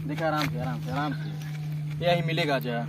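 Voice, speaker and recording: A man acting as a bossy, scheming villager with an Awadhi accent in a comedy sketch. His voice is high and swings about a lot. It is caught outdoors from a distance, with heavy noise behind it. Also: lively intonation, brisk. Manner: bossy, scolding. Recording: noisy outdoor recording, distant mic, vehicle sounds.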